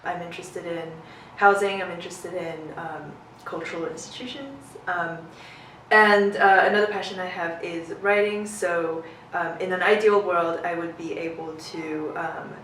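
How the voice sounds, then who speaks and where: A woman's voice: fairly low pitch, fairly even intonation, a little slow, a bit bright, a little hiss or hum. A young woman from China, an architecture student, answering thoughtfully with fillers. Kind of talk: casual interview answers. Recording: echoey room, distant mic.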